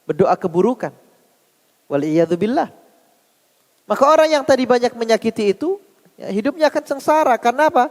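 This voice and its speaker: A male Islamic preacher with an Indonesian accent, giving a sermon, questioning his listeners and repeating key phrases slowly for emphasis. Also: very high voice, expressive, a little mellow. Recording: long hall reverb.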